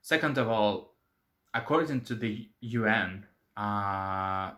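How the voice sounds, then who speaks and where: Man, casual opinion vlog, hesitant with lots of fillers, lowish pitch, forceful edge. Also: takes it slowly. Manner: hesitant and careful, many fillers. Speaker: channel host.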